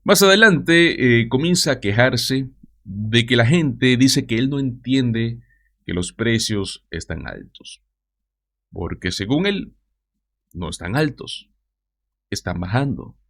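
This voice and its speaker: A man's voice: mid-range voice, lively intonation, slow pace, fairly bright tone. A man hosting a news commentary show, talking straight to his viewers with mocking asides.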